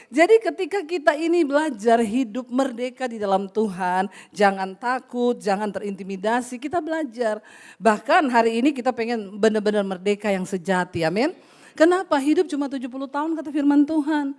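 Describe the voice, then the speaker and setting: A woman pastor giving a lively, joking sermon to a congregation, speaking to them directly and acting out little dialogues. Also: fairly high pitch, moderate pace. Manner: jokey, addresses the congregation directly, acts out chat dialogue. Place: church hall with a live congregation.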